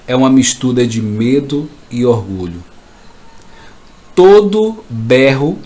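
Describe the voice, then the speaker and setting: A man giving a live motivational talk as a coach, emphatic and repetitive, sometimes acting out shouts. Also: mid-range voice. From Brazil.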